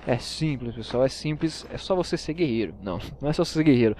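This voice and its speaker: A man's voice: medium pitch, lively intonation, fast, darkish tone, slight background noise. A Brazilian man hosting a comic let's play, chatting with viewers and exclaiming often. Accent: Brazilian Portuguese. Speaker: gaming channel host.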